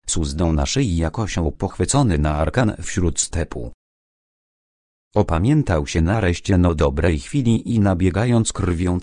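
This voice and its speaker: Deep-voiced male audiobook narrator. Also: warm tone, no echo, clean studio sound. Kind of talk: scripted narration.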